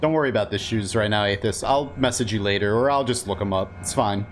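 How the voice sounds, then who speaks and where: Speaking quickly in a lowish register, a man streams a game and rambles through casual live commentary, reacting as things happen. There's slight background noise along with the game's ambience.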